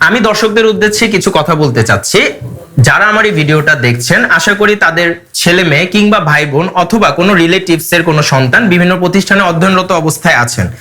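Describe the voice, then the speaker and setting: A male English teacher addressing his students and then the viewers in a brisk, encouraging way. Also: high voice, animated, bright, forceful tone. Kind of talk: classroom address.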